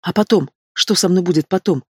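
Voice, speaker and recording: A man's voice: a little high, brisk, dry recording, clean studio sound, natural voice. A man voicing a frightened young woman held captive, pleading and tearful, in an audiobook reading.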